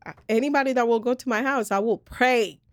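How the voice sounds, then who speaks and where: A Colombian woman hosts a podcast, telling her personal faith story in casual chat. Her voice is a little high and fairly quick, with no echo, and she rambles earnestly with lots of fillers.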